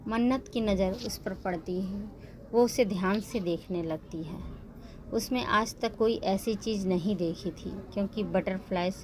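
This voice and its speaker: A woman reading a romance story aloud with steady, even storytelling. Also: medium pitch, background noise. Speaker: narrator. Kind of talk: scripted narration of a romance story.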